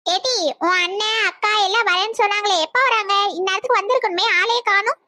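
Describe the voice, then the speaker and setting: Woman voicing a cartoon mother, chatty, practical, very high bright voice. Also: steady tone, brisk, a little hiss or hum. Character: busy mother of the house, practical and talkative. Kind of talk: cartoon voice acting.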